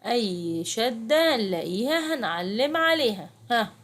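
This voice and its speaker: A woman's voice: fairly high pitch, sing-song, measured pace, a bit bright. A young adult woman with an Egyptian accent, tutoring second graders in a chatty, coaxing way and speaking straight to her pupils. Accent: Egyptian Arabic. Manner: chatty, coaxing, addresses pupils directly, frequent restarts. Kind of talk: casual classroom explanation.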